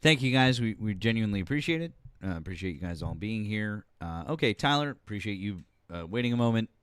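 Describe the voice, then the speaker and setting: A man's voice: lowish voice, lively intonation, fast, fairly bright tone, clear, resonant tone, no echo, studio quality. A man in his forties hosting a call-in political live stream in a loose, swearing way. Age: 40s. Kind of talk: casual call-in political debate.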